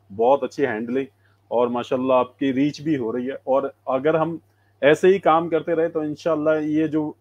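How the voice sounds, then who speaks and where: A man's voice: mid-range voice, darkish tone, muffled recording. A man co-hosting a religious debate stream, enthusiastic and full of praise for the host.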